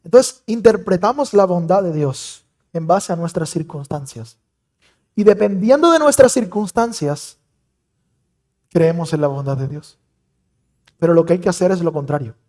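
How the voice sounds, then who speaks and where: A young man preaching a sermon as pastor, emphatic with dramatic swings between loud and soft. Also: sits high, lively intonation, normal speed, pauses often.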